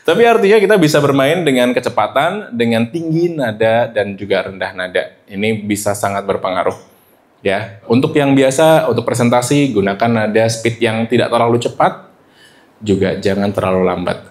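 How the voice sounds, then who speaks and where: A man in his thirties teaches a presentation workshop. He is lively and demonstrative, breaking into quick high and low example voices. His own voice sits at an ordinary middle pitch. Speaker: presentation trainer. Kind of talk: workshop lesson.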